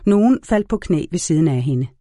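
A man reading a novel aloud as an audiobook narrator in a measured, even storytelling manner. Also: on the high side, no echo, clean studio sound. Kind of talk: scripted narration.

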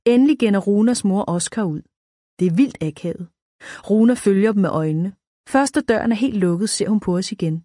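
A woman narrates a children's story in the first person, clear and even. Her pitch sits mid-range, and the recording is close and dry. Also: no room sound. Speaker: audiobook narrator.

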